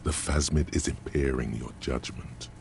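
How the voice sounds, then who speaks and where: A man voicing a grave, all-knowing game narrator who describes scenes slowly and solemnly. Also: rumbling low, gravelly, background noise, heavily acted.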